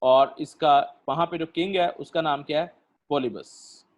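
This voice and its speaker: Man lecturing slowly, with many fillers. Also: on the high side, steady tone, highs cut off. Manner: explains slowly with many pauses and fillers, asks students questions. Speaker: literature lecturer. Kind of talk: online lecture.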